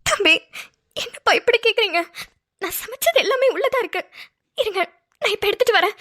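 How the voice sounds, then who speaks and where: Woman voicing a soft-hearted cartoon mother with a bright, high voice. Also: lively intonation, fairly quick, full character voice. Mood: warm. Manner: gentle, motherly, pleading. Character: kind, tender-hearted middle-aged mother. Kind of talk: homemade cartoon voice acting.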